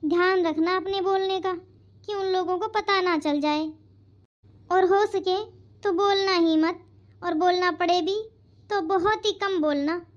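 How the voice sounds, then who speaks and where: A woman voicing a proud, quick-tempered middle-aged mother-in-law in a cartoon, fussy and scolding. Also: very high-pitched, steady tone, lo-fi sound. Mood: worried. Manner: scolding, fussy about her honour. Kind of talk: cartoon voice acting.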